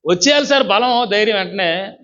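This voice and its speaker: A man's voice: high voice, brisk, bright, forceful tone. A man preaching a sermon as pastor, fervently urging the congregation to repeat his words. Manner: fervent, urges congregation to repeat after him. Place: church service. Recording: dull lo-fi recording.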